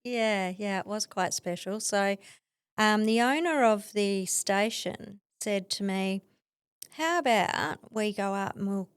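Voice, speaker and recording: A woman's voice: medium pitch, slow, smooth, dry recording. Australian woman telling a personal story. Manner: animated, acts out quoted voices, laughs often. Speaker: podcast guest. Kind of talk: conversational storytelling.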